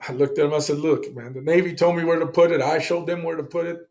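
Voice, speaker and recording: A man's voice: on the high side, fairly even intonation, quick pace, a little mellow. A middle-aged man, a Navy veteran guest, telling his service story in a blunt, casual way, with swearing and acted-out dialogue.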